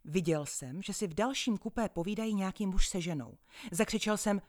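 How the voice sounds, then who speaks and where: A woman narrating a children's story in the first person, playful and expressive, sometimes dropping to a dramatic hush. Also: mid-range voice, no echo, studio quality.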